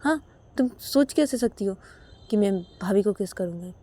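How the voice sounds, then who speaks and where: A woman's voice: mid-range voice, animated, moderate pace, warm tone, lightly acted. A woman voicing a playful younger brother who talks in a defensive, pleading way.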